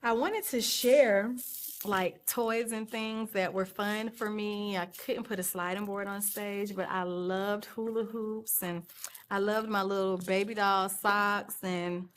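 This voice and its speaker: A woman, telling her life story on stage in short, reflective, halting phrases. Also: mid-range voice, slight background noise. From Atlanta, Georgia, USA. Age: 40s. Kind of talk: personal storytelling monologue.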